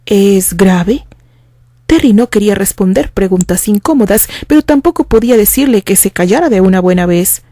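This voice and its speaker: A woman narrating a fan fiction story as an audiobook, in an even storytelling manner. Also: mid-range voice, a little fast, few pauses, no room sound, clean studio sound. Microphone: studio microphone.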